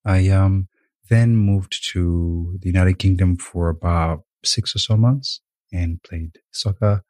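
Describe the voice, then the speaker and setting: A young man from Rwanda, a yoga teacher and podcast guest, telling his life story in a thoughtful, soft-spoken way over a video call. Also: low voice, takes it slowly, no echo, studio quality. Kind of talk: reflective storytelling in an interview.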